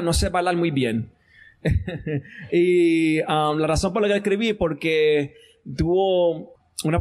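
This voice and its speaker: High-voiced Puerto Rican man reading poetry. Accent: Puerto Rican Spanish. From Puerto Rico. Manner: chatty, loose intro with English "so" fillers. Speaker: poet. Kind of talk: spoken word poetry reading. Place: bar event space, indoors. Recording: live mic with guitar music behind. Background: guitar music.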